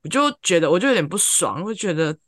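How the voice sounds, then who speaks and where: A woman's voice: fairly low pitch, quick pace, no echo, clean studio sound. A young adult woman, co-hosting a podcast and telling an exasperated story in casual chat. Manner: animated, exasperated storytelling with swearing. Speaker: podcast co-host.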